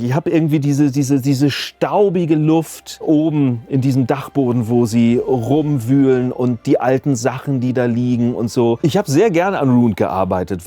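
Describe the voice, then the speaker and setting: In an interview set against background music, a man who designs and mixes sound for audio dramas speaks casually and thoughtfully, occasionally hunting for the right word. His voice is mid-range and mellow, with no room sound.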